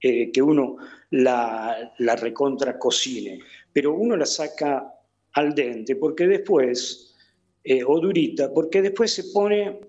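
A man's voice: medium pitch, takes it slowly, a little mellow, highs cut off. A man with an Argentine accent, chatting casually as a guest and rambling through restarts and repeated words. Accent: Argentine Spanish. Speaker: guest, Argentine living in Italy. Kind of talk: casual conversation.

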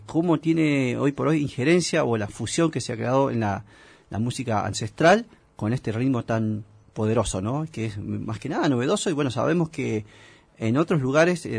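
A middle-aged man with an Argentine accent and a gravelly voice, talking casually as an interview guest in a rambling, halting way. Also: mid-range voice, darkish tone, no room sound. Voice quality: gravelly, husky. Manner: rambling, halting, seeks agreement.

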